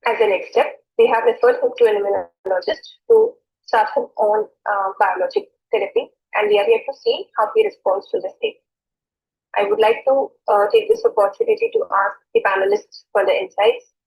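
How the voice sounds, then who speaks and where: A woman's voice: on the high side, big pitch swings, fairly quick, gravelly, husky. A woman doctor giving a scripted clinical case presentation. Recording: dull, telephone-like online call audio.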